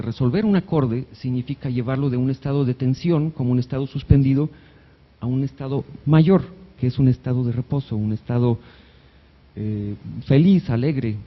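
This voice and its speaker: A man's voice: medium pitch, highs cut off. Man lecturing on music, sings notes. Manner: conversational, jokey, sings short note examples. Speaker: doctor giving a talk on music theory. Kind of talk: live lecture to an audience. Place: hospital event hall.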